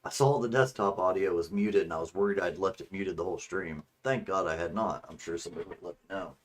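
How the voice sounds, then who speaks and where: A man with a fairly low voice talks casually to his livestream viewers as a gaming host. His delivery is informal, rambling and a little crude. The microphone gives him a tinny, faintly echoing sound from an untreated room. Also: fast talker, a little hiss or hum. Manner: informal, rambling, mildly profane. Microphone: streaming microphone. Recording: tinny, slightly echoing streaming mic.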